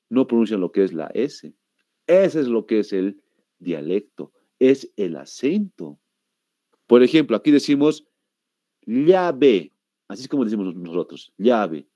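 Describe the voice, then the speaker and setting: A man with a Bolivian Spanish accent gives a classroom lecture, asking the class questions and answering them himself, and repeating words slowly to show how they are said. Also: mid-range voice, dark tone, no echo, dull audio. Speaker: teacher.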